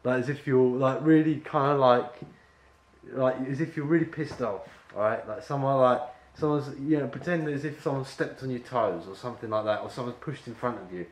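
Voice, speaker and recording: A man's voice: mid-range voice, moderate pace. A man directing an actor at an audition, rambling and full of fillers as he explains the scene. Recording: echoey room with faint ambience.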